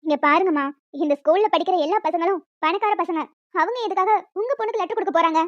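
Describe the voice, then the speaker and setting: A performer voicing a stern, snobbish schoolteacher in a cartoon, cold and haughty. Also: female voice, extremely high pitch, fast talker, no room sound. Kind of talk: cartoon voice acting. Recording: dull lo-fi dry recording.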